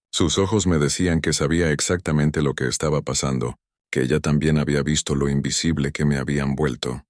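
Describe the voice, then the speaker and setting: A man narrating a first-person story in a calm, measured, solemn way. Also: a bass voice, no room sound, studio quality.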